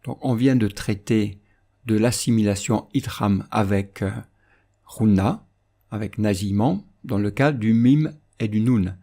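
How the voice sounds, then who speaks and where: A man teaching Quran recitation rules in a calm, measured instructional voice-over. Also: fairly low pitch.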